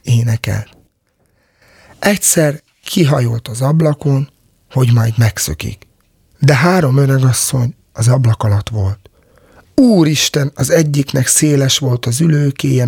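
A man tells an old folk tale in a gravelly, husky voice. He narrates as a storyteller and now and then slips into a whisper. The sound is close and dry, with no room around it. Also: medium pitch, darkish tone, no room sound.

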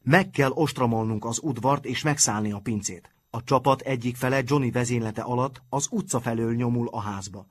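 A man voicing a decisive schoolboy class leader laying out a plan, brisk and commanding. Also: mid-range voice, close to an everyday voice.

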